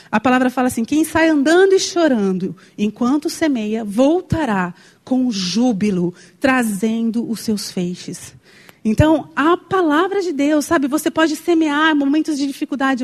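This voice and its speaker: Young brazilian woman preaching, high voice, heartfelt, lots of exclaiming, reverby hall. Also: a little mellow. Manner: personal storytelling, heartfelt, with exclamations. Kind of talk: sermon.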